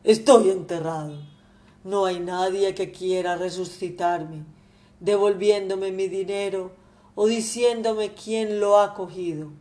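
A woman's voice: medium pitch, fairly even intonation, slow pace, mellow, close to an everyday voice. A woman voicing an old miserly father who rages and wails over his lost money, in shrieking, desperate outbursts. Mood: despairing.

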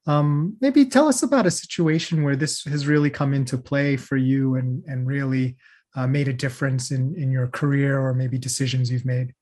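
A man's voice: mid-range voice, steady tone, normal speed, a little mellow. Upbeat man hosting an interview. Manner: upbeat, friendly, with scripted intro reading. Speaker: podcast host. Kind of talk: casual interview.

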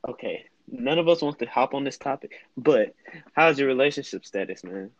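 A young man with a mid-pitched voice who chimes in with easy agreement as he co-hosts a casual late-night chat. He sounds tired. The recording is dry and close, with a dull, lo-fi tone. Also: animated, normal speed, no room sound. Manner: easygoing, agreeable, chimes in often. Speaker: co-host.

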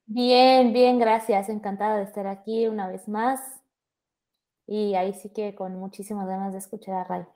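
A woman co-hosting a podcast, enthusiastic and quick to react. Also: medium pitch, level tone, dark tone. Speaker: podcast co-host. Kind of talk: casual conversation.

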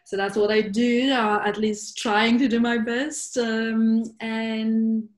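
A woman's voice: a little high, little pitch movement, takes it slowly. A woman from Poland, a guest in a casual interview, talking in a searching way with many fillers and restarts. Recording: echoey room.

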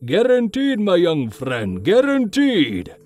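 Man putting on a high, shrill old shopkeeper. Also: slow pace, no room sound, heavily acted. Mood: wheedling. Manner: whispering then booming, high and animated. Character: wheedling old male shopkeeper, pushy and volatile.

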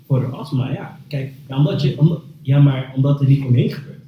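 A man in a casual podcast chat, calm and reasoning as he explains his point. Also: medium pitch, brisk, highs cut off. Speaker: podcast co-host. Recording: roomy echo from off the mic, faint noise.

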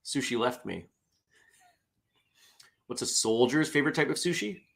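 A man's voice: mid-range voice, animated, normal speed, vocal fry, fairly bright tone. A middle-aged man hosts a casual morning show, chatty and self-deprecating as he reads out corny puns. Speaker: host. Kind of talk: casual morning show chat, reading jokes.

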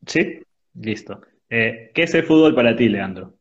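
A male interviewer asking short, direct questions in a quick question round, heard through a dull, choppy online call with a weak connection. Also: mid-range voice, expressive. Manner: brief, direct questions with filler pauses. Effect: choppy, dull sound over a weak online call connection. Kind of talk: rapid-fire question round over a video call. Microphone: remote call audio.

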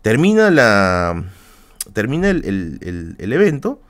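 On a live stream, a man with a Peruvian Spanish accent shares a personal anecdote in casual, slangy speech, full of fillers and asides to his audience. His voice sits on the low side, swings hugely in pitch, and moves at an unhurried pace.

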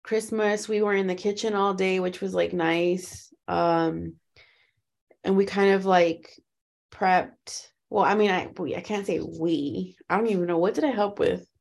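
A woman's voice: on the low side, a little slow, vocal fry. A woman co-hosting a podcast in casual chat, laughing easily and talking with many fillers over a remote call. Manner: relaxed, laughing, full of fillers. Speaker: podcast co-host.

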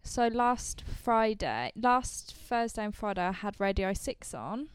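A woman's voice: medium pitch, very animated, slow pace, clean tone, no room sound. A woman co-hosting a podcast, chatty, easily amused and encouraging in casual chat. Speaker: podcast co-host.

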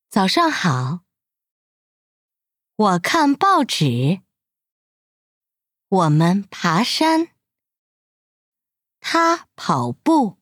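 A woman reads model phrases for a language lesson. She speaks very slowly, with wide, sweeping pitch. Her enunciation is careful, and the sound is dry and close. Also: fairly bright tone, no room sound.

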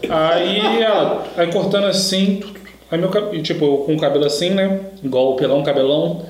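A man hosting a casual podcast, telling stories in an animated way and laughing often. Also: on the high side, moderate pace. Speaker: podcast host. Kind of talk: casual chat. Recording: very echoey room, faint noise.

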